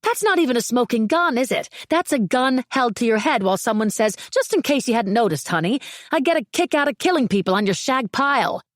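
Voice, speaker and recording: A woman's voice: fairly high pitch, animated, a little fast, no room sound, pitched above the performer's own voice, close to an everyday voice. Woman putting on a brash overloud woman, blunt, derisive, dry close sound.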